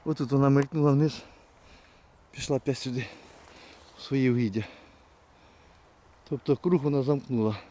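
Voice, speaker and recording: A man filming his hunt with hounds in fields and woods, giving a hushed, muttered running commentary to viewers on a handheld camera and calling to his dogs. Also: medium pitch, moderate pace, pauses often. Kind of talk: live outdoor hunting commentary to viewers.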